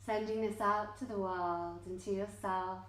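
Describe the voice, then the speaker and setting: This female yoga nidra teacher guides a live studio class at an unhurried pace, her mid-pitched voice gentle and fairly even in intonation. She delivers soothing instructions in short, measured phrases broken by long pauses, with the roomy indoor space adding echo.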